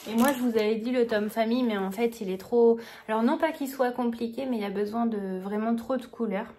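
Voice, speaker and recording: A woman's voice: fairly high pitch, a little fast, dark tone. A woman vlogging casually to camera, gushing and hesitant, restarting her sentences with many fillers. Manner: enthusiastic, gushing.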